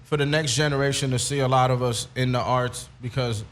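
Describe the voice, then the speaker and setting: A man's voice: medium pitch, fairly quick, slight background noise. A man from Queens, New York, a rapper talking casually and thoughtfully as a guest in an interview. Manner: relaxed, thoughtful, many fillers.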